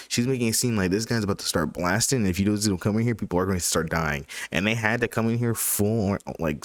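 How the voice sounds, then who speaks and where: A man's voice: on the low side, no room sound, clean studio sound. A man giving rambling, casual reaction commentary on a video, swearing freely.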